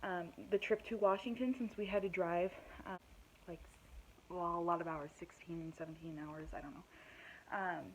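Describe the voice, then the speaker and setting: A woman's voice: on the low side, fairly even intonation, normal speed, a little hiss or hum, rough recording. A young woman giving a casual pregnancy update vlog, out of breath, rambling with lots of fillers and self-deprecating asides. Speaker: vlogger.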